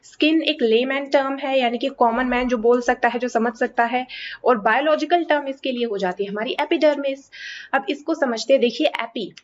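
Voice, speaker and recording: A woman teaching a lesson on English prefixes and hyphens, explaining step by step and saying example words slowly and carefully. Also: high voice. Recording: slightly dull lo-fi recording with faint background noise.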